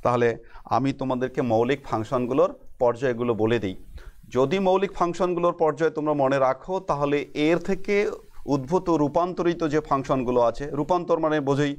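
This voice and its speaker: A middle-aged man with a Bangladeshi Bengali accent teaching a math lesson, asking questions and answering them himself, spelling terms out slowly. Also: fairly high pitch.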